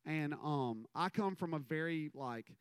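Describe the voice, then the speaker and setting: A man's voice: fairly high pitch, lively intonation, unhurried, clear, resonant tone, dry recording. A man, giving a casual, rambling sermon full of stories and self-deprecating asides. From American South. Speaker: minister.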